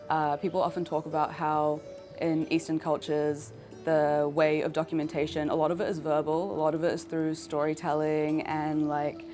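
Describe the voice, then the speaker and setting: A woman speaking thoughtfully and in measured terms in an interview. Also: deep voice. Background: music.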